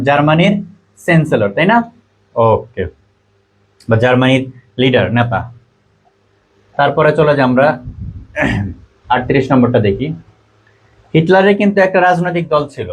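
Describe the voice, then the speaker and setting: A man's voice: on the high side, husky. A man from Bangladesh tutoring a class online, repeating each quiz question and its answer options and reading out students' answers. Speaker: admission test tutor.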